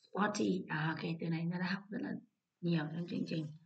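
A woman's voice: fairly low pitch, fairly even intonation, moderate pace, gravelly, lo-fi sound. A woman teacher with a Vietnamese accent, patiently going through an English exam paper and explaining each answer. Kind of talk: exam walkthrough lesson.

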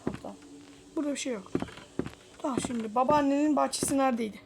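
A young woman giving foul-mouthed, yelling commentary while playing a horror game. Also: sits high, fast, creaky, background noise. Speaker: gameplay streamer.

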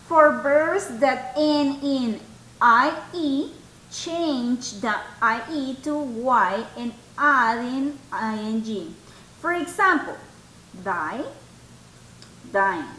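A woman teaching an English grammar class to students, explaining rules slowly and patiently and switching between Spanish and English. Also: high-pitched, lively intonation, pushed and bright. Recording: echoey room, faint background noise.

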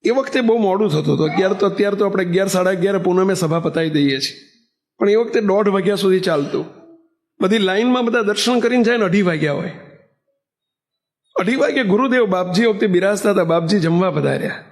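A man's voice: high voice, quick pace. A man, a monk, preaching by telling a true story vividly and acting out the dialogue. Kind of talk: sermon storytelling.

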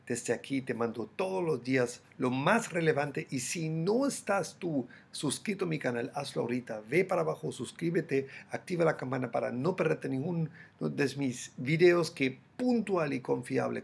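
A gravelly, slightly husky man in his forties speaks with a German accent, addressing the viewer directly as he runs through daily market commentary. He gestures a lot and keeps a lively, chatty manner. His webcam audio carries the feel of a small hotel room. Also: mid-range voice, normal speed, few pauses. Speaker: crypto YouTuber.

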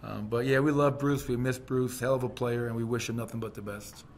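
Middle-aged coach talking into a desk mic. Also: male voice, medium pitch, fairly even intonation, brisk, slight background noise. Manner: candid, conversational, peppered with fillers and restarts. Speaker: basketball head coach. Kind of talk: post-game press conference answers. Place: team press room, seated at a table. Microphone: desk microphone on a stand.

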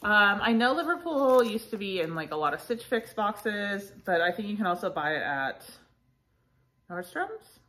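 A woman's voice: medium pitch, animated, normal speed, few pauses, fairly bright tone. A woman in her thirties, congested and sniffly, talking chattily through a clothing resale haul with lots of fillers and asides. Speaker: reseller vlogger. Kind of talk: casual haul vlog.

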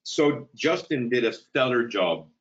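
A man's voice: mid-range voice, big pitch swings, unhurried. A man speaking as a panelist on a webinar over a video call, greeting the audience in a friendly, chatty way. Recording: dull lo-fi call audio.

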